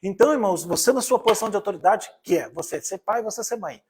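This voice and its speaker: Husky older pastor preaching informally. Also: male voice, high-pitched, expressive, quick pace. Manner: conversational, addresses the congregation directly with rhetorical questions. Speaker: pastor leading a Bible study. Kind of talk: informal live sermon.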